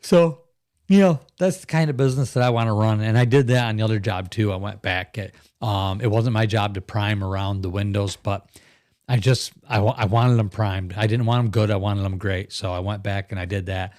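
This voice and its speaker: A man's voice: fairly low pitch, fairly even intonation, fairly quick, darkish tone, dry recording, clean studio sound. A middle-aged man hosting a live podcast stream in a rambling, chatty way, laughing often and reading viewer comments aloud. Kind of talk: casual live-stream chat.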